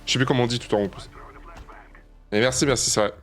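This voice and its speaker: A man streaming a shooter game live, commenting as he plays, swearing often and mocking himself, with sudden high-pitched outbursts between calmer, low muttering. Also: fast talker, soft background music.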